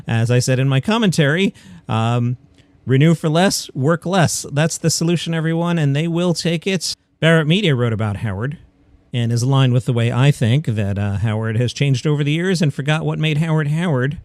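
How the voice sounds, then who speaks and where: Here a comedy news podcast host, a man whose voice sits on the high side, reads stories at a moderate pace. He drops in wry, opinionated asides through the partly scripted commentary, recorded dry.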